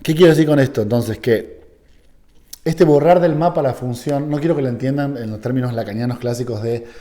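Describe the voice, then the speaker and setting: A man's voice: mid-range voice, brisk, mellow. A man giving a live seminar lecture. He talks conversationally, checks often that the audience follows, and acts out short bits of quoted dialogue.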